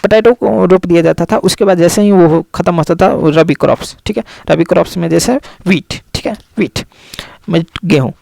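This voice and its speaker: A man's voice: high-pitched, fairly quick, vocal fry, a little mellow, no room sound. A man teaching a lesson, explaining step by step and repeating key terms with many fillers. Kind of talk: classroom lecture.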